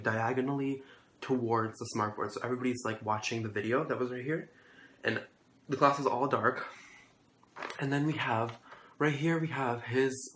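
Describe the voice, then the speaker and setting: A man's voice: medium pitch, a bit bright, slight background noise. A young man telling a school story in a casual vlog, rambling with constant fillers, swearing and sounding incredulous. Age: young adult. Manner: rambling, heavy use of "like", profane, incredulous. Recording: echoey room, faint ambience.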